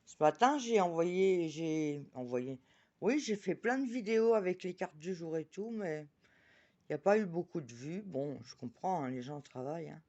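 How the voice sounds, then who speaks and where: A chatty woman presenting oracle cards on her channel, talking about herself in the third person and reading each card's message slowly. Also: lowish voice, expressive, darkish tone, dull audio. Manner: reads card messages slowly.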